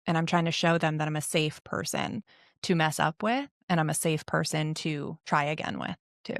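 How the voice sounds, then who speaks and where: Woman, 30s, mental health coach; candid, swears freely, low gravelly tone, dry close sound. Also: moderate pace, no echo. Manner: reflective, earnest. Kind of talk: podcast interview.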